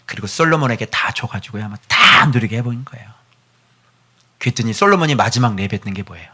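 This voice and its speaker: A middle-aged man preaching a sermon as pastor, animated, moving between hushed whispers and near-shouts. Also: medium pitch, fast talker, husky. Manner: acts out a doting father's voice.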